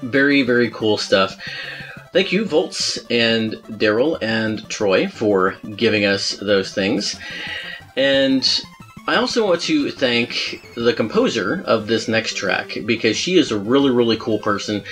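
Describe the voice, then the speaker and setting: A man hosting a podcast about video game music in a casual, chatty way, self-mocking and quick to laugh. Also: mid-range voice, animated, a bit bright. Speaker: podcast host.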